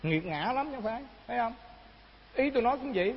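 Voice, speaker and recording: A man's voice: extremely high pitch, expressive, fast talker, slight background noise. A man, a Buddhist monk giving a sermon, telling a folk story and asking the hall rhetorical questions. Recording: muffled hall recording with long reverb.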